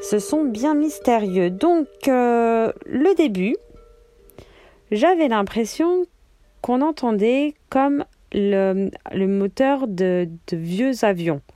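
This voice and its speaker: A woman's voice: on the high side, lively intonation, slow, warm tone, no room sound, studio quality, soft background music. A woman leaving a rambling, self-deprecating voice message for a podcast, laughing at herself. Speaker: listener sending a voice message. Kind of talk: casual voice message.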